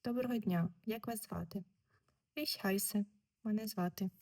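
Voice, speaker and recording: A woman teaching German, explaining textbook exercises slowly and repeating each word. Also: mid-range voice, a little mellow. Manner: slow, deliberate, repeats words.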